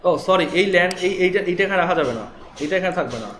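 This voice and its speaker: A man with a Bangladeshi Bengali accent teaching a live web development class, explaining quickly and often checking that students follow. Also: high voice, lively intonation, a bit bright, a little hiss or hum. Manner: rapid, explanatory, asks students checking questions. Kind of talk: live classroom coding lesson. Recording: echoey room with faint ambience.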